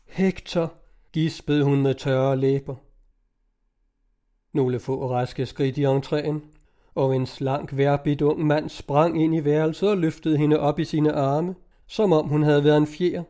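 A man reading an old-fashioned novel aloud in an even, storytelling manner. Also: on the high side. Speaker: audiobook reader.

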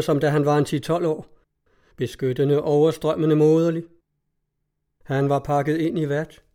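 A man narrating an audiobook in a measured, even storytelling manner. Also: a little high.

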